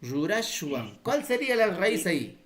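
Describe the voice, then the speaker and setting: A man's voice: high-pitched, sing-song, measured pace, crowd noise. A man with a Peruvian Spanish accent teaching Quechua grammar to teachers in a live class, patiently explaining and quizzing the group.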